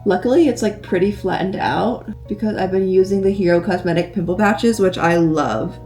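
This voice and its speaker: A woman's voice: medium pitch, moderate pace, darkish tone, soft background music. A young woman vlogging casually at home in her bedroom, rambling with lots of "like" fillers and sounding stuffed up from allergies. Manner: chatty, rambling, many "like" fillers. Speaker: lifestyle vlogger. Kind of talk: casual vlog chat.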